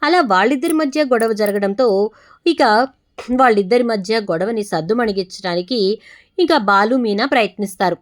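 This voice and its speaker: A woman's voice: on the high side, moderate pace. A woman narrating a casual story recap in a chatty way, stringing events together one after another.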